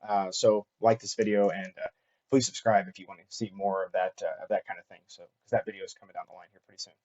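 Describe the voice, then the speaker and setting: A man talking casually and unscripted as host of a cycling vlog, halting often with fillers and restarts. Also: deep voice, flat delivery, a little mellow, muffled recording. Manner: halting, filler-heavy delivery with frequent restarts.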